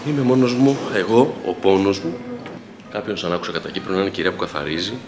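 A man's voice: deep voice, noisy background. A man vlogging his workday as a video editor at a TV station, chatting casually to his camera with playful, joking asides. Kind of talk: casual vlog chat. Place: TV station, walking to the control room. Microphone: handheld camera.

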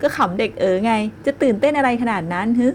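A woman voicing a gentle, teasing young man in an audiobook, speaking softly and low. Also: expressive, quick pace, slight background noise, close to an everyday voice.

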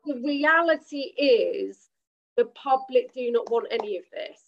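A woman's voice: a little high, lively intonation, measured pace, creaky, lo-fi sound. A woman co-hosting an earnest casual discussion over a video call, speaking emphatically with frequent restarts. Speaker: co-host.

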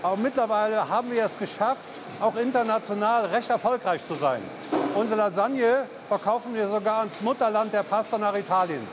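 A man in his fifties from the Eifel who heads a lasagna factory, explaining the production line in a relaxed way with fillers. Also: sits high, a little fast, background noise. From Eifel region, Germany. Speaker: factory head. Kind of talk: on-site interview. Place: large food factory floor. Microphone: lapel mic. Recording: music underneath.

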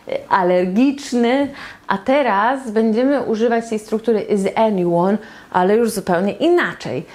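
A woman teaching English in a slow, patient lesson at a whiteboard, repeating each example phrase several times. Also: medium pitch, warm tone.

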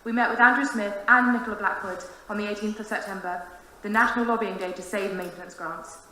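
A woman in her twenties, serving as student union president, reads a prepared, formal and earnest speech to a council meeting in a large, very echoey room with faint noise. Her mid-range voice is steady, fast, bright and forceful.

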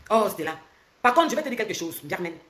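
Her delivery has a sing-song quality, with slight background noise. She's a social media commentator in her forties with a Cameroonian French accent, holding the phone close in a bright room indoors. In her heated livestream rant, she's fast and confrontational, flipping between loud mocking and quiet, intense lecturing.

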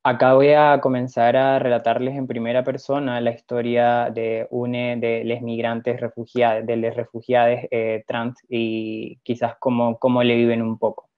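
A man narrating a slide presentation in a measured, hesitant way, pausing with fillers, recorded as a lo-fi voice-over. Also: medium pitch, completely flat delivery, dry recording. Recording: dull, lo-fi, dry voice-over.

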